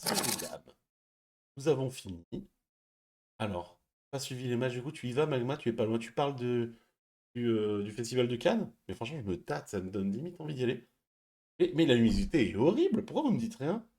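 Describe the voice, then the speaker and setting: A man hosting a stream, chatting casually and reading viewer messages, speaking quietly and laughing often. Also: mid-range voice, big pitch swings, fairly quick. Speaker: stream host.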